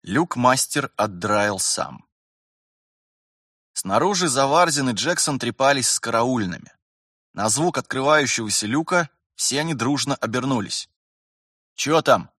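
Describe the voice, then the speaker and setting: Delivering scripted narration, a man reads an audiobook with a measured, even storytelling style. His mid-range voice is captured at studio quality with no room sound.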